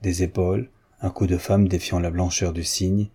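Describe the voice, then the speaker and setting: A man reading a classic novel aloud in measured, unhurried narration. His voice sits low, with a dark, mellow and slightly husky tone. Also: little pitch movement. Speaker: audiobook reader. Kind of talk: scripted narration.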